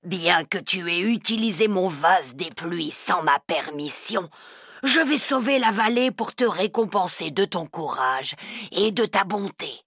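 A woman voicing a powerful male rain dragon in a storybook, speaking in a firm, measured way. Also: lowish voice, expressive, fairly bright tone, husky, no room sound, clean studio sound, heavily acted. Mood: gentle.

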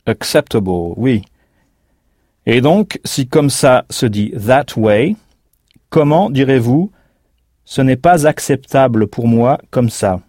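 A man's voice: mid-range voice, animated, slow pace, long pauses, a little mellow, dry recording, clean studio sound. A man teaching in a recorded language course, explaining patiently and spelling words out letter by letter. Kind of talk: recorded language lesson narration.

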